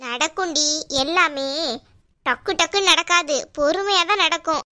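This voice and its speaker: A woman voicing a scheming, domineering middle-aged aunt in a cartoon, talking in a bossy, scornful way. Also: bright, forceful tone. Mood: reassuring. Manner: bossy, scornful, low and slow. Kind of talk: cartoon voice acting.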